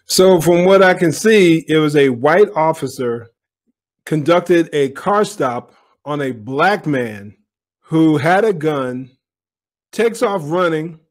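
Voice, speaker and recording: A man's voice: fairly high pitch, expressive, takes it slowly. A man giving opinionated commentary on a police video, speaking bluntly and directly to his viewers.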